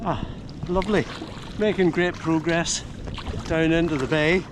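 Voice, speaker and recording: A man's voice: a little high, steady tone, unhurried. An older man with an Ulster accent chats casually and easily to camera outdoors, explaining things with homely dialect words. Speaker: kayaking vlogger. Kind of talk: casual chat to camera while out kayaking. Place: outdoors by a slipway and on the sea in a kayak. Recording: outdoor recording with clear background noise.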